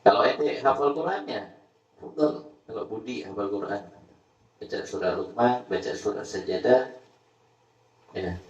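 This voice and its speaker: A man preaching a sermon to a study gathering, emphatic and repetitive, at times swelling into loud pleading. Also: on the low side, unhurried, long pauses. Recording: roomy, distant, dull live-stream sound.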